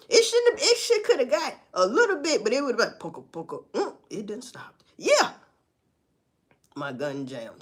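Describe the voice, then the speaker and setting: Husky, animated woman ranting. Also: mid-range voice. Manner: profane, sarcastic, rambling; frequent sighs and laughs. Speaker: vlogger commenting on news. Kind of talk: casual commentary.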